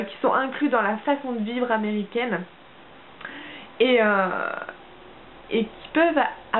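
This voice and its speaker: Young woman from France, casual vlog chat, halting delivery full of fillers, thin phone-like sound with faint hiss. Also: on the high side. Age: young adult. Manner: hesitant, many fillers and restarts. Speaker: au pair vlogger.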